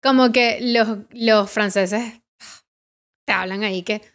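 A woman, a guest in a casual interview, talking candidly and bluntly with a sarcastic edge and drawn-out words. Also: mid-range voice, steady tone. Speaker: guest, adult performer and comedian.

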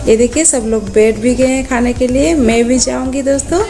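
A woman's voice: high voice, steady tone, moderate pace, mellow, soft background music. A woman in her thirties chatting cheerfully to viewers in a casual home vlog, filmed on a handheld phone. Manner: chatty, cheerful, talks to viewers while cooking. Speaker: vlogger. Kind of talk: casual Hindi vlog narration. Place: outdoors on a roadside, then a home kitchen. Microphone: phone held at arm's length.

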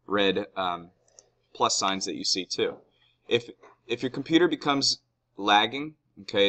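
Guy teacher doing a screen tutorial, low-ish voice but crisp and bright, calm walk-through, mouse clicks. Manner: calm step-by-step explaining. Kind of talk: screen-recorded software tutorial.

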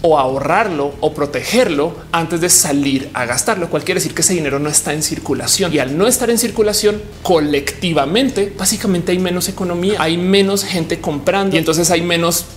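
A woman in her thirties talking to camera in an informal explainer vlog, chatty and animated, with slang fillers, recorded in a small home studio. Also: fairly low pitch, slight background noise. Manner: fast, animated, with lots of hand gestures. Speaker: vlogger. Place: indoor home studio with bookshelves.

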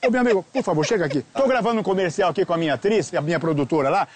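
A Brazilian man plays a frantic commercial director in a hidden-camera prank. His voice sits high and his words tumble out fast. He repeats orders over and over and raises his voice to call out cues, out in the open street air. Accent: Brazilian Portuguese. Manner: pushy, urgent, shouts cues, repeats himself. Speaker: prank show actor posing as commercial director.

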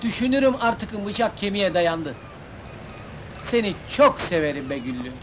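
Loud joking hustler, highish voice, old noisy movie sound. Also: male voice, big pitch swings, unhurried. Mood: tender joking. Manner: rough, bantering, exclamatory. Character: streetwise working-class man, bear handler. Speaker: lead comic character.

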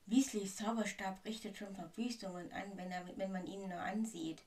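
Cold sneering male wizard teacher voiced by a woman, slow breathy delivery, off-mic. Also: mid-range voice, steady tone, darkish tone, distant mic, lightly acted.

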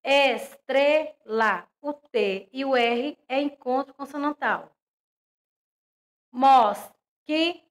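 A young woman teaching an online lesson to young children with a Brazilian accent, speaking slowly and clearly and stressing each example word. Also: high voice. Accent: Brazilian Portuguese. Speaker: primary school teacher.

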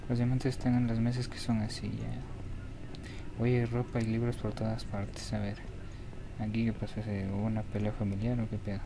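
A young Mexican man narrates a horror game to himself, jittery and muttering. His pitch stays flat and narrow. The recording carries a steady noisy hiss. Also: normal speed, vocal fry. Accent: Mexican Spanish. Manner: jittery, begging, talks to himself. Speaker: gaming YouTuber.

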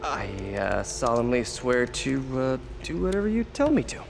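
A man's voice: medium pitch, sing-song, vocal fry. A man voicing a wisecracking young male superhero in a video game, chatty and joking. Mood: quippy. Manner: joking, chatty, quick banter. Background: game music.

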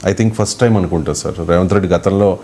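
A man with a fairly low voice sets up questions politely and hesitantly. He stops to correct himself mid-sentence and is respectful to his guest. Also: fast talker, warm tone, slight background noise. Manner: hesitant, self-correcting, deferential. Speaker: interviewer.

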